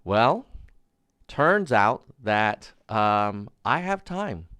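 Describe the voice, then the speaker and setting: A man's voice: on the low side, big pitch swings, extremely slow, sharp tone, clear, resonant tone, dry recording. A man giving live-stream political commentary, reading documents aloud in an emphatic, sarcastic, incredulous debunking manner, repeating key phrases.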